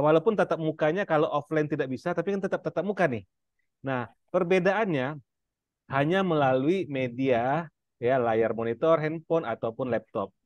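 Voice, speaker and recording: A man from Indonesia speaks in a fairly high voice, casually pitching a training course to a live audience. He talks to his listeners directly and keeps filling gaps with "nah" and hesitations. The recording is dry and close, with no room echo. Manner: addresses listeners directly, many fillers and "nah". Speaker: presenter promoting inheritance-law training. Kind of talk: casual promotional talk to an audience.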